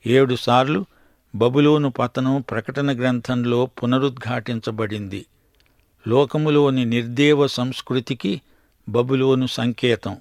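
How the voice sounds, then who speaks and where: A man preaching a scripted sermon on scripture, with a slow, dramatic storytelling delivery. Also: mid-range voice, creaky, dry recording, studio quality.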